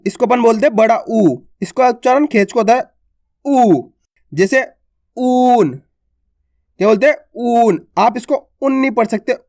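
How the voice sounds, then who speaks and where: A man's voice: very high voice, vocal fry, darkish tone, no room sound, clean studio sound. A man teaching an online lesson on Hindi letters, asking questions and answering them, and stretching out the vowel sounds as he repeats them.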